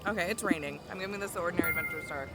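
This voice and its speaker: A woman reviewing theme park food outdoors in a chatty, excitable way with lots of fillers. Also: fairly low pitch, very fast, loud music behind the voice. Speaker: food vlogger. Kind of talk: casual food review vlog. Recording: loud crowd and outdoor noise.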